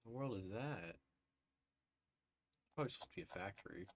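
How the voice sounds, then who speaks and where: A man's voice: lowish voice, lively intonation, fairly quick. A man streaming live over a headset mic, thinking aloud and reacting to a game with frequent "ooh"s and little laughs as he talks to his chat. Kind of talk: live gameplay commentary, talking to chat.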